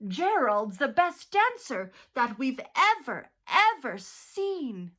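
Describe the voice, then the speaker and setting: A brash crowd of jungle animals, put on by a woman reading aloud, calling out loud and high. The lines come big and exaggerated, in a lively storybook manner. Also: takes it slowly, full character voice. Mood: amazed.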